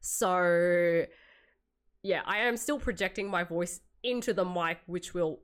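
A woman streamer and MC in casual chat, projecting her voice loudly through a heavily compressed mic. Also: on the low side, slow.

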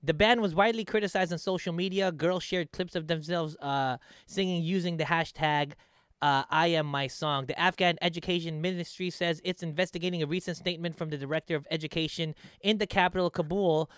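A man's voice: a little high, a little fast, a bit bright, clean tone, no echo, clean studio sound. A man hosting a casual talk show, speaking in an emphatic, sweary way. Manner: emphatic, profane.

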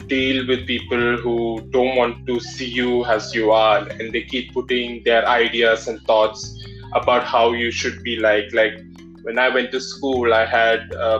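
A man with a Malayali Indian English accent telling his own story as an interview guest, in a halting way with plenty of filler phrases. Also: medium pitch, fairly bright tone. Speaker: interview guest, drag performer. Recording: dull lo-fi audio with music.

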